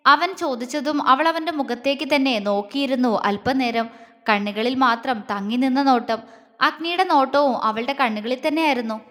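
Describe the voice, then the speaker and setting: A woman storyteller narrating a romance audio story in a calm, gentle reading voice. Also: high voice, normal speed, long reverb tail.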